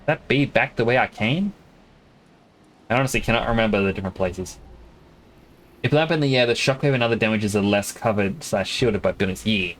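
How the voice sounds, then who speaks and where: Here a man from Australia, his accent partly Americanized, chats through a game stream and explains things at length. His voice sits on the low side with a fairly bright tone, and he talks fairly quickly but pauses often.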